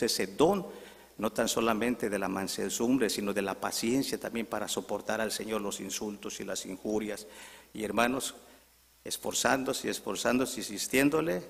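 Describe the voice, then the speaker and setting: A man's voice: on the low side, gravelly, a bit bright, long reverb tail. A man preaching a sermon, asking the congregation questions.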